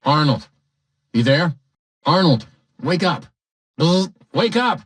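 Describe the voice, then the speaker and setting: An actor voicing a falsely cheerful corporate dispatcher in a video game, chipper and glib. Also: male voice, mid-range voice, lively intonation, moderate pace, faint music behind, natural voice. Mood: insistent, loud. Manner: chipper, glib, smooth-talking. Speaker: company dispatcher. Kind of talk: scripted video game dialogue.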